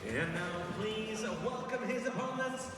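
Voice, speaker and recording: A man announcing fighters as a boxing ring announcer, drawing out and singing out the names. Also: high voice. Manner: drawn-out, sung-out fighter names. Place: large indoor arena over PA. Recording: echoey arena PA from far off, music behind.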